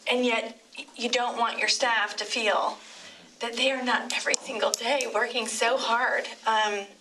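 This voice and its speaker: A middle-aged woman city commissioner giving an unscripted, emotional tribute at a public meeting, halting and digressive with many restarts. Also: fairly high pitch, fairly even intonation, bright, forceful tone. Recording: distant mic with clear room noise.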